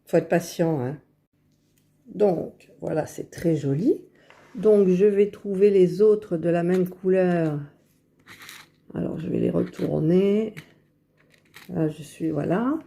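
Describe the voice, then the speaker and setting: Woman, casual crafting vlogger, slow and mellow, low-ish voice, very close to the phone mic. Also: vocal fry. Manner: unhurried, thinking aloud while working, self-correcting. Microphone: phone held very close to the face.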